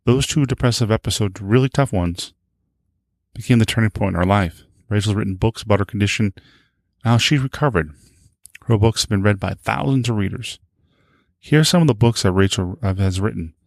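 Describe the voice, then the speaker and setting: A man hosts a podcast casually and informally, often rambling and rephrasing himself as he introduces and interviews. His voice is on the low side, a little fast, with vocal fry, and there's no room sound.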